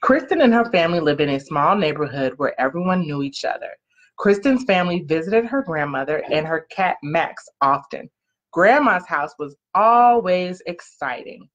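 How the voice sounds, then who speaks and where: On a couch in a small living room, a woman with a fairly low, expressive voice reads a picture book to children at a moderate pace, stretching out key words and asking her young listeners questions. She sounds like a parent, and the arm's-length webcam or laptop mic leaves the audio muffled and lo-fi.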